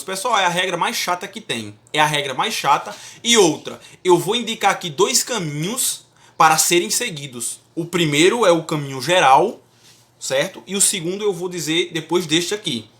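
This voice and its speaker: A man teaches Portuguese grammar in a classroom-style lecture, his pitch swinging widely as he stresses syllables. His voice has a bright, forceful edge. He talks emphatically and keeps checking in with the class. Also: lively intonation, moderate pace.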